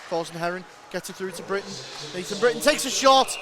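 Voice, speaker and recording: A man calls an ice hockey game live, in a high voice. His commentary is brisk, and it rises in pitch and volume with each shot. A faint noise sits under the recording. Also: lively intonation. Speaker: play-by-play commentator.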